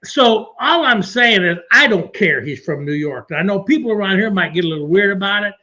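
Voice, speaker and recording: A man's voice: high voice, lively intonation, a little fast, sharp tone. A man co-hosting a radio talk show, telling rambling, jokey stories. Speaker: co-host. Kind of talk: casual joking banter. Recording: dull lo-fi sound.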